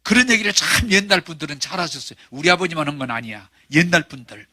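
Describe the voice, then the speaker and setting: A man's voice: a little high, very animated, fast talker, bright, forceful tone, dry recording, clean studio sound. A male pastor preaching a sermon, talking animatedly, asking the congregation rhetorical questions and acting out voices.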